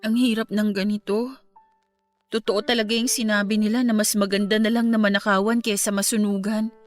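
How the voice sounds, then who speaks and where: In a radio drama, an actress plays a young woman grieving her grandparents, sounding earnest and polite. Her mid-range voice is brisk and flat, only lightly acted, with faint music in the background.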